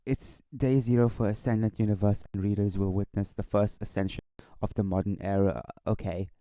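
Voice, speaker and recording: A man giving casual off-the-cuff video commentary in a halting, repetitive way, stumbling over his words. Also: lowish voice, fairly even intonation, dark tone, no room sound. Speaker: online commentary video host.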